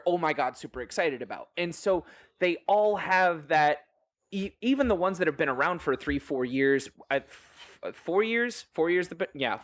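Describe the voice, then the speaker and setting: A man on a discussion panel, chatty, often laughing and acting out quoted voices as he tells stories. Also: a little high.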